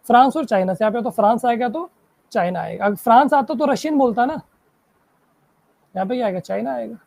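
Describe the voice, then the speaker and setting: A woman with a somewhat high, slightly mellow voice teaches a live online reasoning class. She reads English questions out slowly, then explains them in Hindi. She constantly checks whether students are following, praising them and asking if it's clear.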